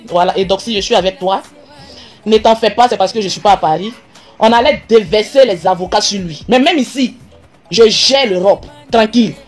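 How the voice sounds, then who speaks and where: A woman's voice: medium pitch, normal speed. Woman vlogger on a live stream, casual and boastful, faint music under her. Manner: self-assured, boastful.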